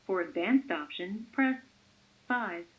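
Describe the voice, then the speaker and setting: A woman's recorded voicemail prompts, heard through a landline phone speaker and read out in an even, measured way. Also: medium pitch. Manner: even, measured menu announcements. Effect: heard over a landline phone speaker. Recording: muffled lo-fi phone audio.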